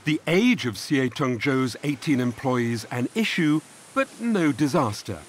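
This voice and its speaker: A man giving measured, scripted documentary narration. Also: mid-range voice, expressive, slight background noise.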